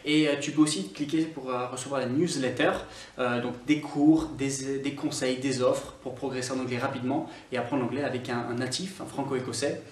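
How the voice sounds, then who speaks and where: A Scottish man who teaches English online rants to camera in an opinionated vlog, teasing and mock-serious, full of fillers and restarts. His voice is medium-pitched and steady, his delivery brisk. The mic is distant and the sound roomy.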